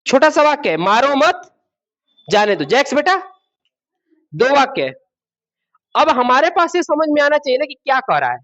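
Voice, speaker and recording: A man's voice: very high voice, very animated, normal speed, long pauses, fairly bright tone. A male teacher gives a classroom grammar lesson, asking the class questions and repeating key words. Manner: addresses students as babu and beta. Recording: dull lo-fi sound.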